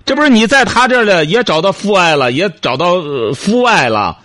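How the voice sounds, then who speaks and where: A man's voice: high voice, very animated, brisk, sharp tone, no echo. A male radio call-in host who gives advice in a teasing, sarcastic, needling way, speaking close to a studio microphone.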